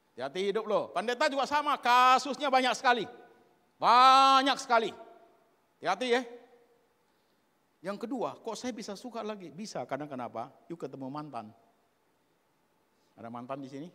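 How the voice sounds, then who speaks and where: Animated preacher in a big hall. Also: male voice, mid-range voice. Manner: animated, mixes English words, swings from loud to soft. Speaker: pastor. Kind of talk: sermon. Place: large auditorium with long reverb.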